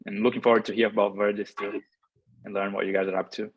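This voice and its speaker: A man's voice: on the low side, little pitch movement, fast, husky, highs cut off. A man introducing himself on a video call, upbeat. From Brazil.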